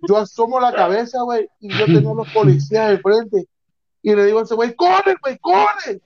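A young man from Mexico, telling a story in casual chat, slangy and animated, acting out the other people's voices. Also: sits high, fast. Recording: dull lo-fi sound.

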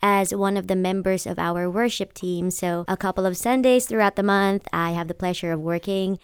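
Smooth-voiced woman from the Philippines. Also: medium pitch, fairly even intonation, normal speed, no room sound, studio quality. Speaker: podcast guest. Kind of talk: casual conversation.

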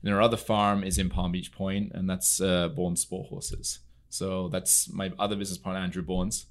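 In a podcast studio, the young English equestrian entrepreneur chats casually with his interviewer, telling stories earnestly with frequent fillers. He speaks at a normal pace in a low voice with a flat delivery.

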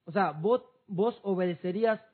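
A man's voice: high voice, normal speed. A man, co-host of a church talk, reasoning aloud with many restarts. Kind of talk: church discussion program. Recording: tinny phone-like sound.

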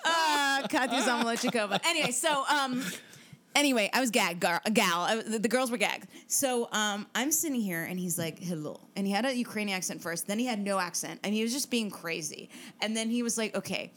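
A woman's voice: a little high, brisk. Woman podcast host rambling thru a story, swears a lot, does little voices for people. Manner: animated storytelling, swearing, acting out quotes. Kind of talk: casual chat.

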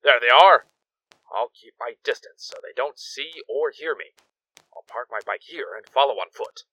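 A man's voice: medium pitch, lively intonation, normal speed, sharp tone, rough recording. A man playing a gallant, confident alien superhero captain with a declamatory delivery, in an audio drama. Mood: watchful, eager. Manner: declamatory, heroic.

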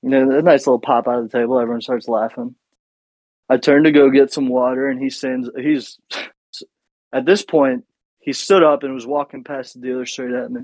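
A man's voice: medium pitch, fairly even intonation, moderate pace, a little mellow, dry recording, rough recording. Cocky man telling a casual story. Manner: rambling, profane, cocky storyteller. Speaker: podcast co-host.

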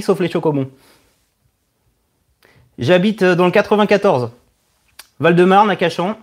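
A man in his late thirties with a fairly high voice hosts a casual live Q&A stream as an online video creator, answering viewers' questions. His delivery is halting and hesitant, and he repeats words while he thinks.

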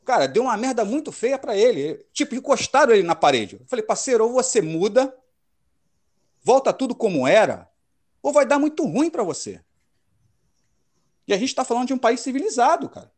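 Emphatic Brazilian man, lively high voice. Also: a little fast, long pauses. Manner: emphatic, opinionated, slangy. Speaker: podcast host. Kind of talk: casual football chat.

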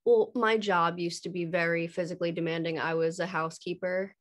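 A woman's voice: lowish voice, fairly even intonation, fairly quick. A young woman chatting in an interview, talking earnestly with lots of casual fillers. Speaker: guest.

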